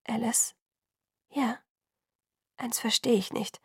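A woman reading an audiobook, voicing an anxious young human woman who speaks in a hushed, breathy way. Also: on the high side, steady tone, slow pace, no room sound, clean studio sound, pitched above the performer's own voice, full character voice. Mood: questioning. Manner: hushed and breathy, often half-whispered.

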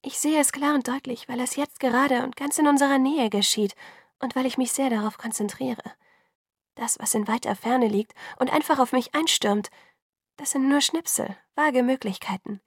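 A woman reading an audiobook, voicing a quick, bright young female vampire who talks briskly. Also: high voice, no echo, clean studio sound, voice pushed up. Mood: explaining. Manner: brisk and lively, talks fast when excited.

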